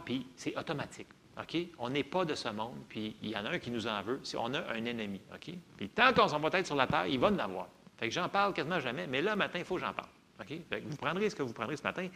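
Animated Québécois preacher man, gravelly. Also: mid-range voice. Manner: lively, conversational preaching with frequent "ok?" checks and acted-out voices. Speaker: pastor. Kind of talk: sermon.

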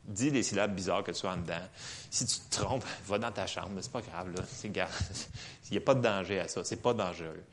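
A man with a Quebec French accent preaching in church, telling a personal testimony in an animated, laughing storytelling manner. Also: low voice, fairly quick, a little hiss or hum.

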